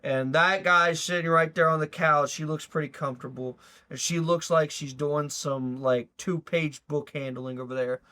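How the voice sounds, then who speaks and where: A man's voice: a little high, fairly even intonation, moderate pace, hardly any pauses, pushed and bright. A man streaming live, reacting to a video in loose, rambling chat, swearing and talking to his viewers.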